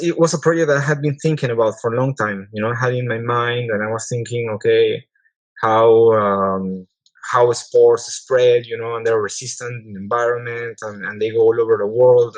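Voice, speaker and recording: A man's voice: medium pitch, dry recording, poor audio. A man in his thirties from Peru, a medical doctor, chatting casually in a community AMA, hesitant with many restarts. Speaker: project founder, medical doctor.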